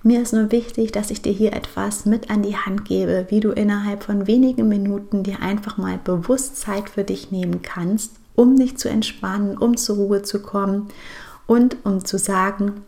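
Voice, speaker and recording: Woman podcast host, encouraging coaching talk, mid-pitched, creaky edge, direct address to the listener. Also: fairly even intonation, moderate pace, dark tone.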